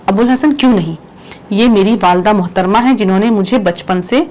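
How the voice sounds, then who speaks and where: A woman's voice: mid-range voice, darkish tone, close to an everyday voice. A woman reading aloud the part of a young man who pleads with his mother to get him freed. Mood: pleading. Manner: read aloud from a play script.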